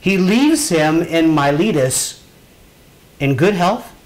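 A man's voice: on the high side, expressive, takes it slowly. A man runs a small Bible class in an easy, conversational manner, tossing questions out to his students. His voice sits a little above the usual male range. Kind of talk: informal Bible lesson to a class.

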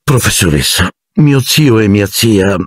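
A man's voice: on the low side, lively intonation, unhurried, no echo, studio quality, voice pushed up. A man voicing a nervous teenage boy in an audiobook, hesitant and stammering. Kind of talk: audiobook character voice.

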